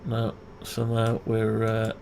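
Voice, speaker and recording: Slow and gravelly, with a lowish pitch, a man talks himself through a CAD design demo for his video. He mutters, asks himself questions, and reasons aloud without a script, while the keyboard clatters against a steady background noise.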